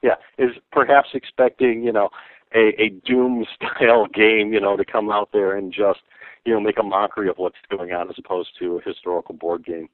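A man co-hosting a podcast over the phone, talking in a halting, thoughtful way with many fillers. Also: fairly low pitch, steady tone, no room sound. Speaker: podcast co-host. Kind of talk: casual chat. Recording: tinny phone line.

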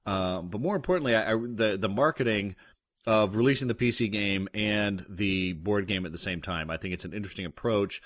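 A man's voice: fairly low pitch, fairly quick, a bit bright, no room sound, studio quality. A man hosting a podcast, chatting casually through the news with lots of restarts and fillers. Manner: rambling, many restarts and fillers. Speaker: podcast host.

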